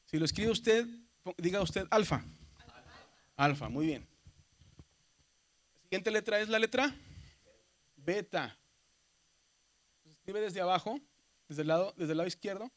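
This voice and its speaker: A man teaches a classroom of seminary students. He walks them slowly through the Greek alphabet, checking in with them again and again and naming each letter aloud. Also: high-pitched, expressive, a bit bright. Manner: patient, repeats "¿verdad?" and spells letters aloud; addresses students as brothers. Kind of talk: classroom lesson.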